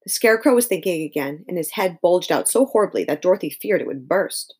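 Expressive woman storyteller, lowish husky voice. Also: a little fast. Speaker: storybook reader. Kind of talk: expressive scripted children's story narration.

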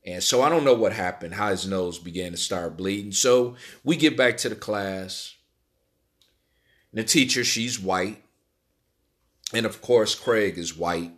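Slow, halting middle-aged man. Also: on the low side, fairly bright tone. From Illinois, USA. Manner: halting, repeats words, many fillers. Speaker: interviewee. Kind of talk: personal storytelling.

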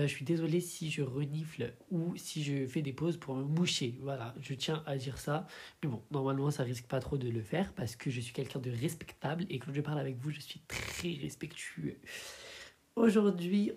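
A woman's voice: deep voice, mellow, husky. A young woman hosting her own podcast in casual chat, stuffy with a head cold, rambling with many fillers. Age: young adult. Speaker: podcast host.

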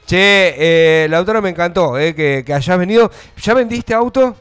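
Argentine male host, slangy, jokey, mid pitch, faint music behind. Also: normal speed, a bit bright, clear, resonant tone, dry recording. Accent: Argentine Spanish. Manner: joking, slangy, chummy. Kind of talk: casual interview.

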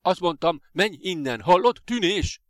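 A man reading a story aloud, voicing an angry, stout deputy headmaster who shouts orders. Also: high-pitched, animated, no echo, clean studio sound, pitched above the performer's own voice. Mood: angry shouting.

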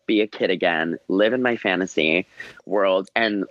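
A man, a drag performer, chatting as a guest with a groggy voice and an animated storytelling manner. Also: moderate pace, dry recording. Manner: animated storyteller, pitch jumps high when excited. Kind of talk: casual interview chat. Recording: slightly dull, dry audio.

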